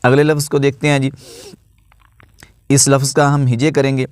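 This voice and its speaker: Spelling out letters and vowel marks one at a time in a drawn-out way, a Quran recitation teacher with an Urdu accent then speeds up to go over the rules. His voice is mid-range with little pitch movement, in a dry recording.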